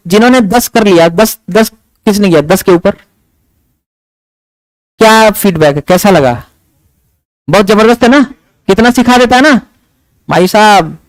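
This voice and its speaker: High-voiced man teaching a class. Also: dry recording, poor audio. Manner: animated, asks the class questions. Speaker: English teacher. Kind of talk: classroom lecture. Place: classroom with students.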